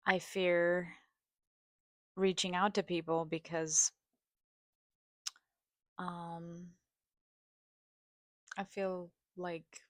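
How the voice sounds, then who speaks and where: A woman speaks slowly in a slightly low voice with vocal fry that can turn scratchy. She is halting and hesitant, pausing often as she rambles through a personal vlog. The sound is close and dry. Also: dry recording. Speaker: video host. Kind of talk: rambling personal vlog, partly reading a study aloud.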